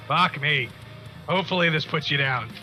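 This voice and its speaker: A man playing a tabletop game, excitable, swearing and laughing as he rolls. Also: a little high. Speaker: player. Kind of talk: casual tabletop play.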